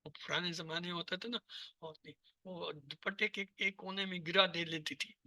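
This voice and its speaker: High-voiced guy teaching an online class, goes slow and repeats every word, dry close sound. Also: fairly even intonation, bright, forceful tone, dry recording. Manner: drills word forms in slow repetition. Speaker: Arabic teacher.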